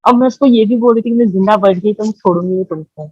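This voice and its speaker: A woman, telling her own story in halting speech, with many fillers and repeated words. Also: medium pitch, a little mellow, no echo, muffled recording. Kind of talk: emotional personal testimony.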